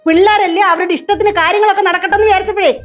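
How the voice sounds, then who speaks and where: An actress playing a scolding, sharp-tongued old grandmother in a TV sitcom. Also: very high-pitched, steady tone, rapid-fire, soft background music. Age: older. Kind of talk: TV sitcom acting.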